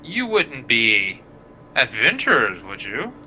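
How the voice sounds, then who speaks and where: A man's voice: medium pitch, huge pitch swings, slow pace, sharp tone, faint music behind, heavily acted, rough recording. A man voicing a polite, hesitant young innkeeper in a tabletop game.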